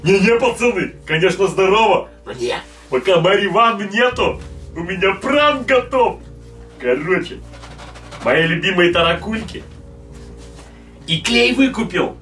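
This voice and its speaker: A man's voice: high-pitched, a bit bright. A man in his thirties playing a cheeky, lazy class-clown schoolboy in a comedy sketch, slangy and theatrical. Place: small classroom-like room indoors, camera a few meters away. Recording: echoey room, distant mic, background music.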